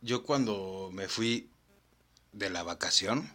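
Young Mexico City man, bright tone. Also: fairly low pitch, takes it slowly. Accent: Mexico City Spanish. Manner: laid-back anecdotes, crude slang. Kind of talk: casual chat.

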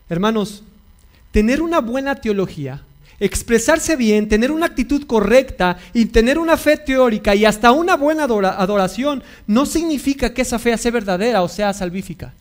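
A male pastor preaching a sermon, repeating key phrases and putting questions to his congregation. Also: sits high.

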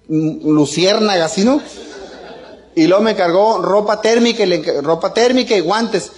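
Joking middle-aged man. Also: high voice. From Mexico. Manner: joking, colloquial, tags lines with "¿no?" and "¿ah?". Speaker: speaker. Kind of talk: seminar storytelling talk.

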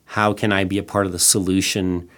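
A middle-aged man raised in Thailand, a nonprofit CEO, appears as a guest in a podcast interview, answering reflectively and often restarting his sentences. His voice is low-pitched and a bit bright, with a flat delivery at a slightly fast pace.

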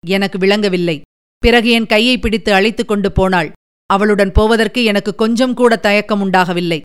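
A woman narrating a novel in a measured, deliberate storytelling manner. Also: mid-range voice, clear, resonant tone. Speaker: audiobook narrator.

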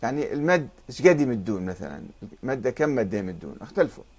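A man's voice: medium pitch, very animated, fast talker, a little mellow, slightly rough. A middle-aged man giving an explanatory lecture, reading out paired word variants and citing sources. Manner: reads out paired word variants and cites sources, stressing each contrast.

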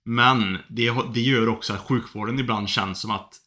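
A young man in a casual chat, mostly agreeing and speaking in halting bits. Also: medium pitch, fairly even intonation, bright, forceful tone.

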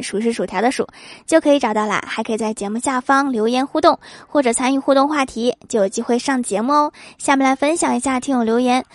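A woman's voice: high-pitched, no echo. A woman hosting a comedy show, reading funny anecdotes aloud with acted quotes and chuckling at her own punchlines. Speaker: host.

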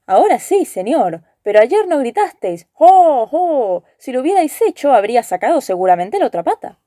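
A woman voicing a crafty, frightened young male cook who pleads and makes quick excuses. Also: extremely high pitch, big pitch swings, mellow, dry recording, studio quality, voice pushed up. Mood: pleading.

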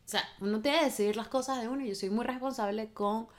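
A woman's voice: a little high, fast talker. A woman tells personal stories on a podcast. Her delivery is casual and self-mocking, with laughter never far off. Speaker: podcast co-host. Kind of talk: casual storytelling.

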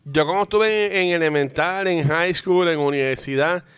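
A man's voice: fairly high pitch, normal speed, a bit bright, smooth. A man with a Puerto Rican accent in a casual chat, teasing and rambling.

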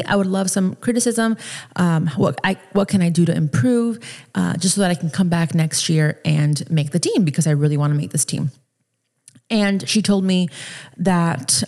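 Chatty woman podcast host in her thirties, low voice. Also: a little mellow. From Dominican Republic. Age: 30s. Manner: chatty and personal, with fillers and self-corrections. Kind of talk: casual solo podcast monologue.

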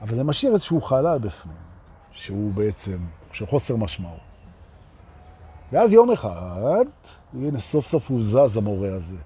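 A man giving a live spiritual talk. He moves between slow, emphatic teaching and playful, self-mocking jokes. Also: on the low side, big pitch swings, dark tone, slightly rough.

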